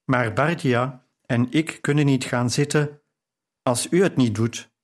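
A man's voice: medium pitch, measured pace, natural voice. A man voicing an outspoken, impulsive young woman aristocrat who pleads politely in an audiobook. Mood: placating.

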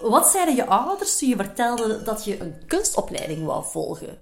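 Lively woman presenter. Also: fairly high pitch, moderate pace, gravelly. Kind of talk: TV reportage interview.

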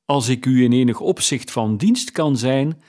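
A man voicing a kindly, humble middle-aged clerk and father, speaking earnestly in a slow audiobook reading. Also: mid-range voice, animated, darkish tone, natural voice. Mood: earnest, fatherly.

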